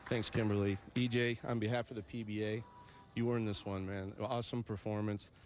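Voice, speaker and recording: Lower-pitched man presenting an award. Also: level tone, brisk. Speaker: sports commissioner presenting a trophy. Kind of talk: live presentation speech.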